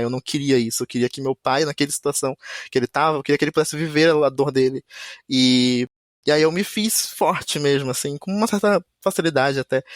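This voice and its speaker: A man with a Brazilian Portuguese accent tells a personal story in a men's conversation circle, speaking haltingly with many restarts and repeated words. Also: medium pitch, dry recording, studio quality. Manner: halting and repetitive, with many restarts and a soft, reflective delivery.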